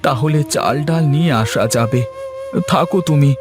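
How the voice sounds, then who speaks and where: A man voicing a poor, gentle village father in a cartoon, anxious and pleading. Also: a little high, moderate pace, close to an everyday voice. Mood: worried. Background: faint music.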